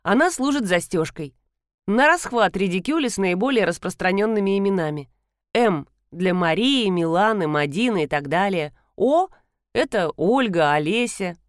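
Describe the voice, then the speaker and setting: A woman's voice: mid-range voice, lively intonation, moderate pace, dry recording, studio quality, natural voice. A woman reading an audiobook, voicing a tired female seamstress who explains her work plainly. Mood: explaining. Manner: brief, matter-of-fact. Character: tired short-haired female seamstress, matter-of-fact.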